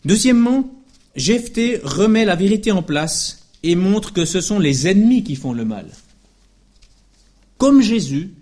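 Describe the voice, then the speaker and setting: Lively French-speaking male preacher. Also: high voice. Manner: lively, emphatic preaching with frequent "hein" asides and short laughs. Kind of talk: sermon.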